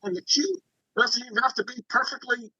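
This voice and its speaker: A man speaking over a conference call from his cell phone, halting and repeating words as he explains a woodturning project. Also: extremely high pitch, pushed and bright, husky, dry recording. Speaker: woodturning club member showing his work. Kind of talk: casual chat on a group call. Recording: dull dry phone-call audio.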